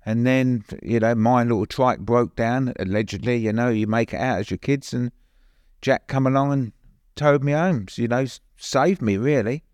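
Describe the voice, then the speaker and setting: A man's voice: mid-range voice, normal speed, darkish tone, no echo, studio quality. An older man with an East London accent, recollecting plainly as an interview guest, often adding "you know". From East End of London, later Suffolk. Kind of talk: conversational personal recollection.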